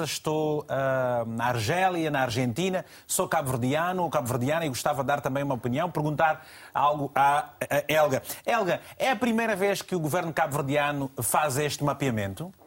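A man hosting a TV talk show, quickly putting questions to his guests. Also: on the high side. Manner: brisk, prompting guests with follow-up questions. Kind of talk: TV studio interview.

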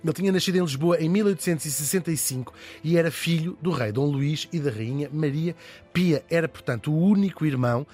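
A man with a European Portuguese accent, telling a history story as a podcast host in casual, lively chat with jokey asides. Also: fairly high pitch, quick pace, faint music behind.

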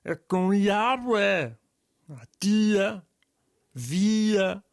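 A man's voice: high-pitched, animated, drawn-out words, vocal fry, no echo, studio quality, heavily acted. A man with a European Portuguese accent in comic scripted banter, asking puzzled questions and giving in easily.

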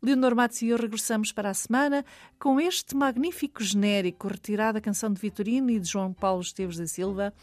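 A woman's voice: mid-range voice, quick pace, darkish tone, no echo. Dry-sounding Portuguese radio host woman. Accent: European Portuguese. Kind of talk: radio interview.

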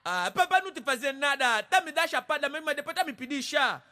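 A man's voice: very high-pitched, animated, fast, bright, forceful tone, pitched above the performer's own voice, full character voice. A man voicing a timid waiter and street vendor, using a pleading, singsong patter.

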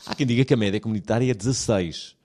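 A man's voice: on the low side, fast talker, mellow. A man hosting an interview, speaking European Portuguese, hesitant with many fillers and a teasing manner. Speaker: interviewer host. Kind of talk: casual interview chat.

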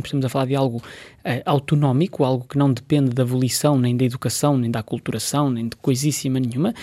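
A man's voice: medium pitch, a little mellow, no echo. A man with a European Portuguese accent giving a conversational, discursive explanation, often checking in with short tag questions. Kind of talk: conversational explanation to a host and listeners.

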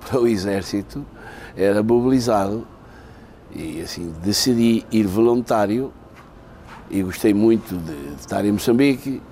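An older man from Portugal, a businessman giving an interview in a plain, steady way. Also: fairly low pitch, a little hiss or hum.

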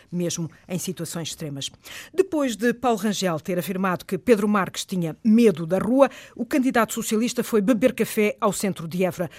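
A radio news presenter with a European Portuguese accent. The voice is medium in pitch and reads scripted news. The sound is dry and close, as from a studio. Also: a little mellow, no room sound. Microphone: close studio microphone.

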